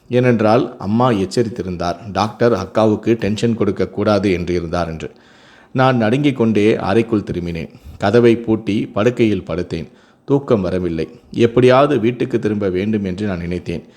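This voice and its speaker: A man's voice: fairly low pitch, a little mellow. A man narrating a scripted first-person family story, reading steadily with occasional self-corrections.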